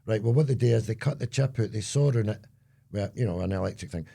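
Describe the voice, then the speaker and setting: Older scottish guy cohosting, gravelly husky voice, jokey and sweary. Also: fairly low pitch, fast talker, mellow. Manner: joking, sweary, slips into mock voices. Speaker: co-host. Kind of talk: casual comedy chat.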